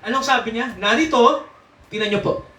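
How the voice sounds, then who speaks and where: A man with a very high-pitched, bright, forceful voice preaches at a moderate pace in a church, teaching from the Bible and quizzing his congregation with frequent tag questions. He chuckles often as he teaches. The room is echoey and the mic sits at a distance.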